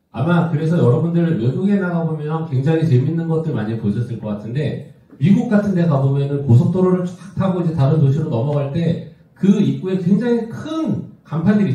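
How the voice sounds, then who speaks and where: Speaking to a crowd in a big indoor event room, this roughly fifty-year-old Korean executive gives a chatty business presentation, often posing rhetorical questions to listeners. He has a slightly high, dark-toned voice, captured distantly in a muffled, reverberant hall.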